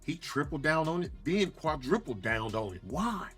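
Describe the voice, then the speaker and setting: A man's voice: on the high side, big pitch swings, normal speed, a bit bright. A man delivering scripted, opinionated sports commentary as an emphatic, dramatic exposé with a smug, sarcastic edge. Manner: emphatic, dramatic, rhetorical questions. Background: music.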